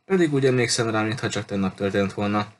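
A man's voice: on the low side, slight background noise, close to an everyday voice. A man voicing a fussy older railway clerk who rambles and grumbles as he remembers. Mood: reminiscing.

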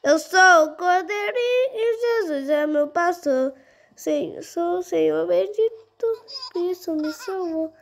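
A woman's voice: very high voice, expressive, takes it slowly, gravelly. A young girl playing a game on her channel, talking to herself as she goes and easily startled. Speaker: gaming channel host. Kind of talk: casual gameplay commentary.

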